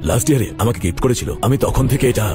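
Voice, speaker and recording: Brief: actor as kind elderly father, over 60, warm coaxing, faint music behind. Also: mid-range voice, animated, racing, natural voice. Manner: coaxing, affectionate.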